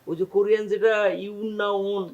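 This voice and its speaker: A man's voice: high-pitched, little pitch movement, fairly quick, darkish tone, muffled recording, lightly acted. An actor playing a proud, indignant father-in-law who scolds his son-in-law in a TV comedy drama. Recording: roomy, distant from the mic.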